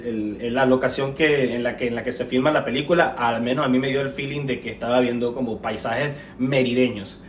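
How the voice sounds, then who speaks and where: Rambling man, echoey and distant. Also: medium pitch. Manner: rambling, self-correcting, laughs often. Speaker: podcast co-host. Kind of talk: casual film-discussion podcast. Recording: echoey room, off-mic, faint noise.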